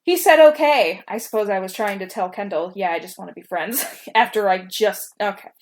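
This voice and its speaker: A woman's voice: mid-range voice, a little fast, a little hiss or hum. A woman reading her own old story aloud with casual commentary, embarrassed, giggly and poking fun at herself. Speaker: host reading her old fan fiction.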